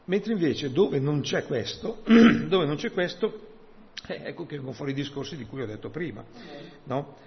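A man's voice: on the high side, animated, normal speed. A man giving an informal, conversational sermon, often checking in with "no?" and reading scripture aloud. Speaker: preacher. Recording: dull sound with long hall reverb.

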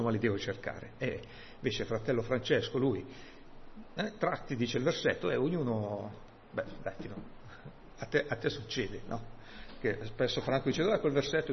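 A man's voice: medium pitch, slight background noise. A man giving an informal, conversational sermon, often checking in with "no?" and reading scripture aloud. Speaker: preacher. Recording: dull sound with long hall reverb.

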